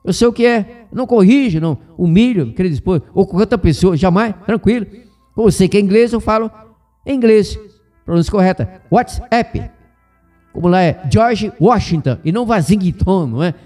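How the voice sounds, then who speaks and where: A man with a Goiás Brazilian accent talks casually on his radio Bible show, wandering off into joking asides and correcting himself as he goes. His voice sits high and mellow. Faint music runs underneath. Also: lively intonation, fairly quick. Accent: Goiás Brazilian Portuguese. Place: radio studio.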